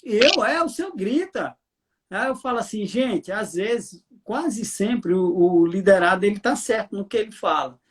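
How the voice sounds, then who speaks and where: A man with a Brazilian Portuguese accent, an army colonel who trains leaders, answers interview questions like a lively storyteller, acting out dialogue and laughing. His voice is high, his speed normal, and he barely pauses.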